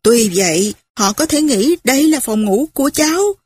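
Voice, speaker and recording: A woman's voice: on the high side, expressive, a little mellow, breathy edge, no room sound. A woman voicing a fussy, timid, tearful middle-aged aunt who frets and scolds in a rush. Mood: flustered scolding. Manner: flustered, fretting, fast.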